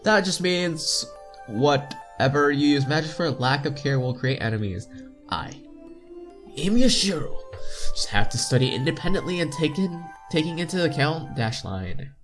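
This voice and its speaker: A young man with a slightly high voice reads visual novel text aloud at a moderate pace, hosting a playthrough with lively intonation. He's informal, occasionally stumbling and correcting himself, and tosses in casual asides over game music.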